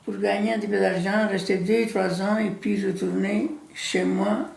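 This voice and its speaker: A woman in her eighties from Italy, speaking French with an Italian accent as her second language. She tells her story in halting, simple sentences and often repeats words. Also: mid-range voice, fairly even intonation, gravelly, darkish tone. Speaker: interviewee recounting her immigration. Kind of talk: personal storytelling. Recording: echoey room.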